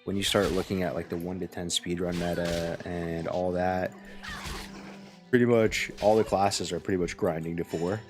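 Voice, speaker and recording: Sleepy male streamer, very low voice, rambling laid-back chat, faint music behind. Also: steady tone, moderate pace. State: sleepy, yawning. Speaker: game streamer. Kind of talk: casual live-stream chat while playing.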